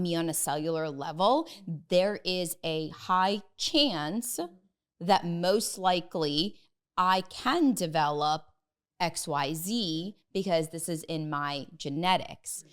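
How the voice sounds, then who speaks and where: A dietitian in her thirties whose first language is Russian tells her own story as a podcast guest, earnestly thinking aloud with many fillers. Her voice is on the low side, clear and resonant.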